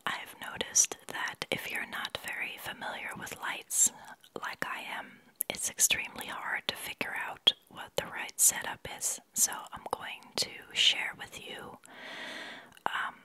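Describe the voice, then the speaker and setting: A young adult woman leaning in close to the microphone, speaking in a soft, breathy whisper as she chats casually to viewers as an ASMR host. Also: a little slow, rough recording. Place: small attic studio, indoors. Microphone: large microphone close to the mouth.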